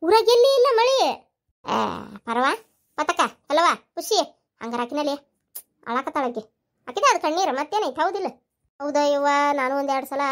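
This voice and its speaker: Cartoon role: nosy North Karnataka village woman, very high and squeaky, as a performer puts her on. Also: close to an everyday voice. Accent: North Karnataka Kannada. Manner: nosy, pestering, quick to tease. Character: chatty village woman back from the city. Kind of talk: cartoon comedy voice acting.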